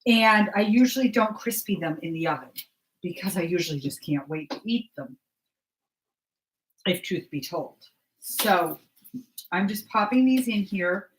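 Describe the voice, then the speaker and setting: A woman's voice: mid-range voice, expressive, a little slow, pauses often, rough recording. A middle-aged woman hosting a casual cooking video, chatting to her viewers as she works in her home kitchen. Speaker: cooking vlogger. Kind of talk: casual live cooking chat. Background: clatter of dishes and pans.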